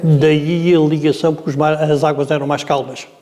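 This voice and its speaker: Being interviewed for an oral history, a man in his seventies from the Lisbon area of Portugal rambles slowly through memories of his family, pausing frequently on filler sounds. His voice is slightly high but warm and dark, his delivery flat, and the room echoes with a long reverb tail.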